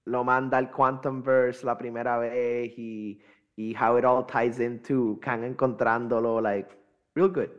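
A man's voice: medium pitch, level tone, takes it slowly, highs cut off. A man co-hosting a casual movie chat in Spanglish, blunt and given to swearing. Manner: Spanglish, switches between Spanish and English mid-sentence; profane, blunt. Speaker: podcast co-host.

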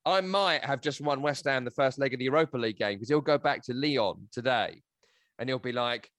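A man hosting a football podcast, talking in an animated, joking and scathing way. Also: mid-range voice, a little fast, dry recording. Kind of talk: casual football chat.

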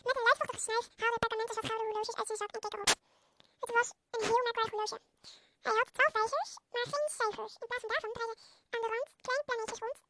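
A woman's voice: very high-pitched, steady tone, fast talker, long pauses, sharp tone, dry recording. A woman reading a storybook aloud, often stumbling and restarting mid-sentence.

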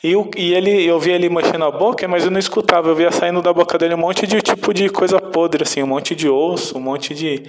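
A man's voice: fairly high pitch, fairly even intonation, fast, hardly any pauses. A man with a Brazilian Portuguese accent telling a story casually in a meandering, hesitant way.

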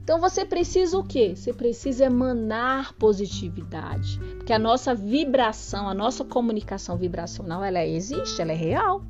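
A woman's voice: a little high, expressive, moderate pace, hardly any pauses, darkish tone. A woman hosting a spiritual self-help podcast, talking straight to the listener in an earnest, preachy way. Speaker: podcast host. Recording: dull lo-fi sound with faint music.

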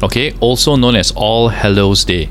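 A Singaporean man with a fairly low voice co-hosts a paranormal podcast. He chats casually and tells everyday anecdotes in colloquial speech. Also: moderate pace, fairly bright tone, slight background noise.

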